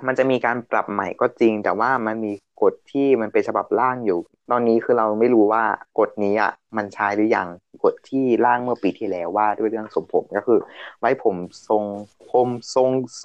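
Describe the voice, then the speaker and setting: A man co-hosting a casual chat podcast, explaining points calmly. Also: on the low side, fairly quick, no room sound. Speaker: podcast co-host. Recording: slightly dull lo-fi sound.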